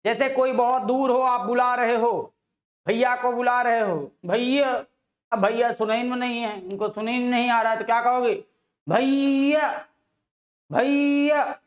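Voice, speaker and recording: A man's voice: extremely high pitch, fairly even intonation, moderate pace, echoey room. A male Hindi grammar teacher giving an exam-prep lesson. He asks rhetorical questions, answers them himself and draws out example syllables.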